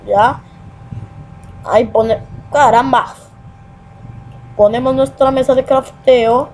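A young man with a Peruvian accent giving excitable gameplay commentary, muttering repeated words and swearing as he plays. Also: very high voice, slow, slight background noise, rough recording. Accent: Peruvian Spanish. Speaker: gamer.

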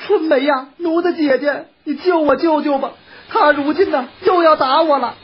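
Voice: high-pitched, normal speed, voice pushed up, lightly acted. A storyteller voicing a young concubine with a wheedling, sobbing manner, in a dull lo-fi recording. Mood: tearful pleading. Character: pleading young concubine, tearful and coaxing.

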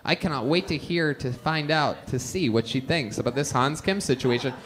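A man hosting a live comedy show, loud and teasing, often shouting and laughing into a handheld mic on a club stage. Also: mid-range voice, moderate pace, slight background noise.

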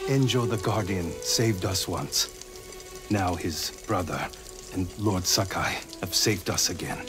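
An actor playing a grave, devoted temple monk in a video game. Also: male voice, deep voice, unhurried. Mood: grave, grateful. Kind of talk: video game character dialogue. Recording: music and rain behind.

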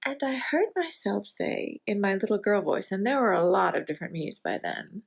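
A woman's voice: medium pitch, big pitch swings, moderate pace, gravelly, slightly rough, heavily acted. A woman performing a theatrical monologue as a wry, hard-drinking middle-aged woman, sardonic and self-mocking.

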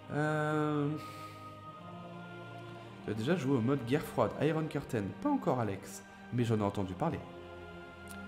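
In a medium-pitched voice, a young adult man from France talks to viewers by name while hosting a live game stream. Hesitation marks his chat, with frequent filler pauses and restarts, and background music plays throughout.

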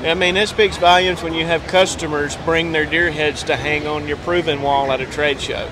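A man's voice: on the high side, fairly even intonation, normal speed. A young man who runs a scent company, talking up his products in a casual interview with lots of fillers. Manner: enthusiastic, salesman-like, lots of fillers. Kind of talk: casual interview at a trade show booth. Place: busy trade show hall, indoors. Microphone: handheld mic. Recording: noisy crowded trade show hall. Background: crowd chatter.

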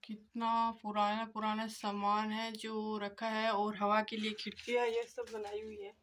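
A young woman speaks in a medium-pitched, monotone voice at a measured pace, a bit bright, during a casual walking tour of an old empty brick house, indoors and out. She films on a phone at arm's length, treats viewers as friends and leans on filler. A little hiss or hum runs underneath.

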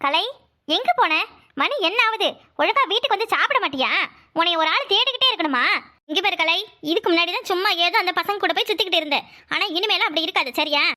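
Woman voicing a bossy, high-voiced young village wife. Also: lively intonation, pushed and bright, exaggerated voice. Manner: bossy, scolding, quick retorts. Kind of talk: cartoon voice acting.

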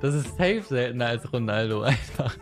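A man streaming a football video game, talking casually and getting excited over his luck. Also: mid-range voice, normal speed, over music. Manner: excitable, repeats exclamations. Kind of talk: casual live stream chat.

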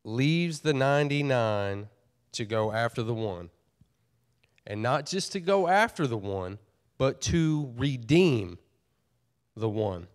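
Slow folksy preaching man. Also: mid-range voice, lively intonation. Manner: earnest, repeats words and restarts phrases; folksy phrasing. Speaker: pastor. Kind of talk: sermon.

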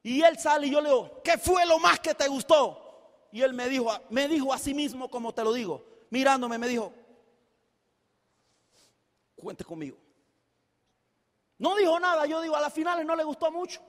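Man, very high voice, lively motivational speaker acting out stories; reverberant hall. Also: brisk. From Costa Rica. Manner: animated, acts out dialogue, often shouts. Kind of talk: energetic stage storytelling. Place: large hall before a live audience. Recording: echoey hall with long reverb.

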